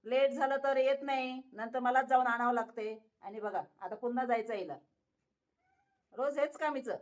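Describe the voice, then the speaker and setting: A woman with a high voice talks casually to her viewers while coaxing her cat. She repeats herself often and breaks into laughter. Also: normal speed. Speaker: pet vlogger.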